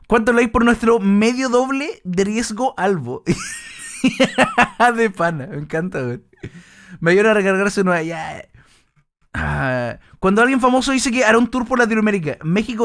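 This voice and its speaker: A young man with a Chilean accent rambles through a casual reaction stream, his voice sitting high for a man. He leans on crude slang and stumbling restarts. He also puts on a self-consciously fake, exaggerated voice meant for the internet. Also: big pitch swings, unhurried, fairly bright tone. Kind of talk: casual livestream reaction chat.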